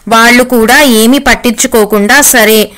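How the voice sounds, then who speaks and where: Brief: female storyteller, scripted devotional narration, steady reading, slightly high voice. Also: moderate pace.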